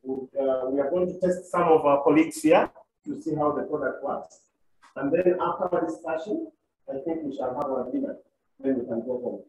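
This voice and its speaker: Man introducing a speaker, formal and halting, far from the mic, very echoey room, faint background noise. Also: a little high, a little mellow. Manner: formal, halting host remarks. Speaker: event organizer.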